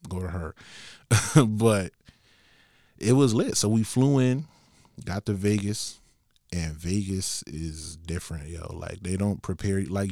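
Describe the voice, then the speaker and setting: A young man from Connecticut telling a casual travel story in a relaxed, slangy, animated way. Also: low voice, gravelly, no echo, clean studio sound. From Bridgeport, Connecticut.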